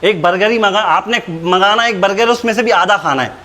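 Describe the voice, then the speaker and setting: A man playing a rude cafe owner in a hidden-camera prank, brash and mocking with rapid-fire teasing. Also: high-pitched, pushed and bright.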